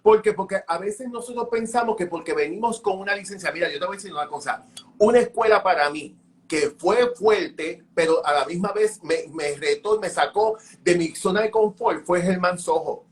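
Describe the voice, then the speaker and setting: A man, a hairdresser, telling animated stories in an interview, acting out dialogue and repeating himself as he goes. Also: high voice, moderate pace. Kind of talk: storytelling interview chat.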